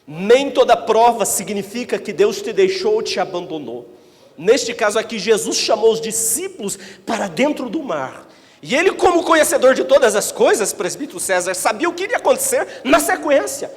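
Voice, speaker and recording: A man preaching in a church with a long, ringing reverb, his voice pitched high and leaping all over its range. He delivers a Pentecostal sermon emphatically, swinging from shouted declarations to hushed asides. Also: sing-song, moderate pace. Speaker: pastor.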